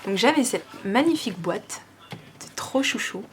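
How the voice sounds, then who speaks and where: A woman's voice: medium pitch, lively intonation, unhurried. French woman vlogger, gushing unboxing chat, lots of fillers, faint hiss behind. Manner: gushing, chatty, many fillers.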